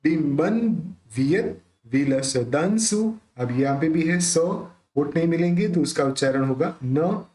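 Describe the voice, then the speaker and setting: A man teaching careful pronunciation of a devotional hymn, chanting verses slowly between quick explanations. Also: fairly high pitch, mellow, poor audio. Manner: slow deliberate chanting alternating with quick explanations. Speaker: recitation teacher.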